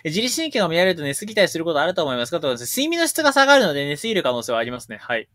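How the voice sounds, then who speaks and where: Male stream host, fast-talking, blunt and jokey, bouncy pitch, dry close mic. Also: no echo. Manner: rapid-fire, animated, blunt and joking. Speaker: livestream host answering viewer questions. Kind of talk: casual livestream Q&A, reading and answering chat questions.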